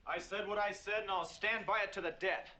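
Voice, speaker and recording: A man's voice: high voice, steady tone, a little fast, pushed and bright. An actor playing a stubborn, brash young cowboy suitor in a 1960s western film, who keeps repeating his stand.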